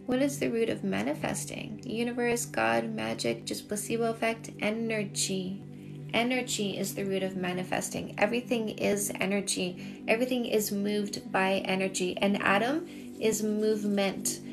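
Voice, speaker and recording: The audio is low quality: a middle-aged Canadian woman's medium-pitched, gravelly voice at normal speed over music, picked up by a phone at arm's length. She's a dating coach hosting a livestream from a small home room with shelves, casually reading and answering comments and driving points home by repeating them.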